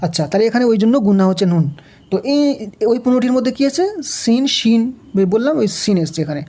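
Mellow-voiced Bangladeshi man teaching recitation. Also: animated. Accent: Bangladeshi Bengali. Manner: spells out letters and vowel marks, then chants the words slowly in a higher tone. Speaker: Quran reading teacher. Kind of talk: step-by-step recitation lesson.

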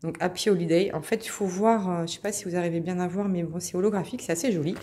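A woman's voice: fairly low pitch, steady tone, quick pace, dark tone, slight background noise. A woman chatting casually as she shows off her craft purchases, hesitant and full of fillers, gushing over cute items. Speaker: craft vlogger. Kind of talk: casual show-and-tell haul.

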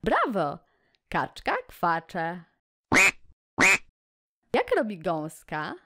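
A woman hosting a children's educational video, speaking slowly and encouragingly in a sing-song way. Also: on the low side, huge pitch swings, fairly bright tone.

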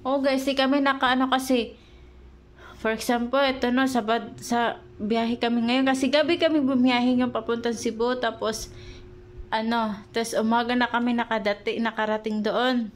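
A woman's voice: fairly high pitch, steady tone, normal speed. A young pregnant woman chatting casually to her vlog viewers, rambling and searching for words with many fillers, a little short of breath. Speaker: vlogger.

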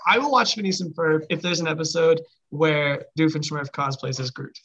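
A man's voice: a little high, moderate pace, dull audio, background noise. A man chatting casually and giggling while he tries voice impressions with a friend. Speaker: guest impressionist youtuber. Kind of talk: casual chat trading voice impressions.

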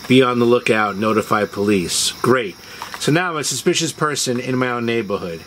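Telling personal stories casually for a video, the male host speaks briskly in a medium-pitched, fairly bright voice. The audio is poor, captured outdoors on a house porch at dusk with crickets and insects chirping.

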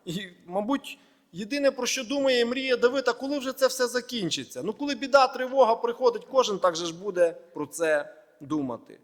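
A man pastor giving a sermon, preaching in measured short phrases and building emphatic lists. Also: very high voice, expressive. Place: church hall. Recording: long reverb of a large hall.

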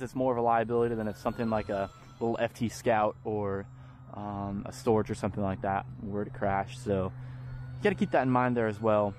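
Out on an open park field, a young hobby-channel host chats casually while he flies a model plane. His voice is fairly low, there's slight background noise, and he's relaxed, dropping plenty of ums.

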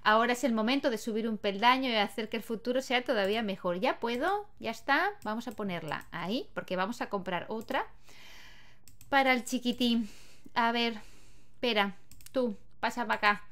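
Young woman, casual game commentary, chatty and motherly, a bit high-pitched. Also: normal speed, fairly bright tone. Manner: chatty, talks to game characters like a doting mother. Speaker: gaming video host. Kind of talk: casual Let's Play commentary.

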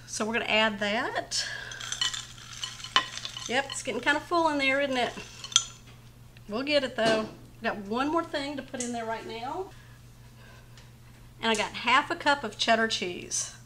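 In her home kitchen, a middle-aged woman who hosts a home cooking channel casually guides viewers through a casserole recipe step by step. Her voice is a little high, and the background is noisy.

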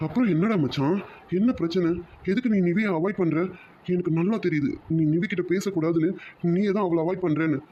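A man's voice: high voice, fast talker, warm tone, slight background noise, lightly acted. A man voicing a worried young man who keeps pressing his friend with insistent questions, on a dull lo-fi cartoon recording.

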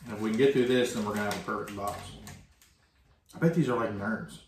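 A man's voice: on the low side, quick pace. A man co-hosting a casual snack review at home, chatting easily and reading package descriptions aloud. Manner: relaxed, reads package text aloud. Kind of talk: casual snack-tasting chat. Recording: echoey room, faint noise.

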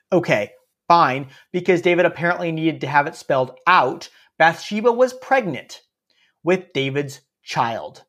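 A man's voice: fairly high pitch, a bit bright. A man narrating a story podcast in a casual, snarky way, dropping wry asides as he goes.

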